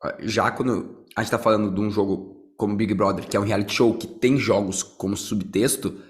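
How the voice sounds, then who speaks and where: Man, low voice, relaxed podcast host, frequent tag questions. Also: moderate pace. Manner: relaxed, tag questions after most phrases. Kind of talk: casual chat.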